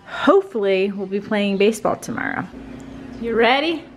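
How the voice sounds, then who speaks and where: A woman's voice: mid-range voice, lively intonation, normal speed, slight background noise. A woman in her thirties chatting casually to the camera for a family vlog, rambling with fillers while running errands. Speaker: family vlogger.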